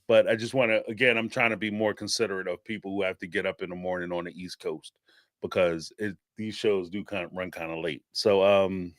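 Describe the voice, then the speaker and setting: He talks a little fast in a low voice, recorded with clean studio sound and no room sound. A Philadelphia-accented man from the Northeastern US, he hosts a live-stream show taking call-ins, chatting casually in an animated, rambling way full of fillers and laughter.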